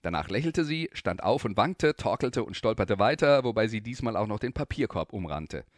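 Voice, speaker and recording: A man hosting a radio music show, telling a music story between songs in calm, scripted narration. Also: on the low side, normal speed, no room sound, clean studio sound.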